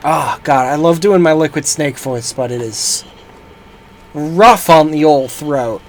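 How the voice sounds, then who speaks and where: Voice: medium pitch, slow pace, background noise. A game streamer giving casual live gameplay commentary in a joking, rambling, profane way.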